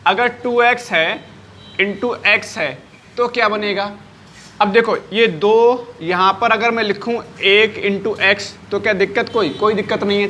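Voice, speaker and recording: A man's voice: high voice, pushed and bright, slight background noise. A man teaching a live online maths class, repeating each point and checking often whether students follow.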